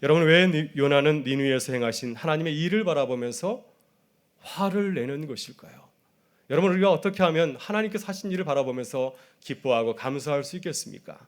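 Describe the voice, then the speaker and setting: A man's voice: fairly high pitch, lively intonation, a little fast. A man as a pastor preaching a Sunday sermon. He asks the congregation questions directly and acts out the voices in his stories. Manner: storytelling preacher who acts out quoted voices.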